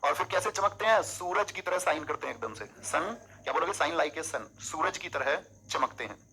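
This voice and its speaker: A man teaching an exam coaching class in a lively way, coaxing students with memory tricks. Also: a little high, normal speed, a little hiss or hum, low-quality recording.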